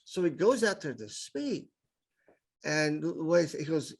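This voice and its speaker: His voice is fairly high and sing-song, slow-paced with a breathy edge. A middle-aged improv speaker guesting on a podcast, he tells casual stories with enthusiasm, repeating words often as he builds his argument.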